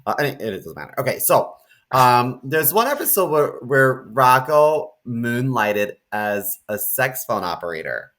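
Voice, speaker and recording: A man's voice: medium pitch, big pitch swings, unhurried, fairly bright tone. A male podcast co-host with a mid-range voice tells cartoon memories in loose, rambling casual chat. He slips in crude jokes as he goes.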